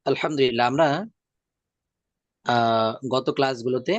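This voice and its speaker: A man teaching a Quran reading lesson. He repeats each rule patiently and draws out the example words slowly. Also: medium pitch, steady tone, no echo, lo-fi sound. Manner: drawn-out slow demonstration of words.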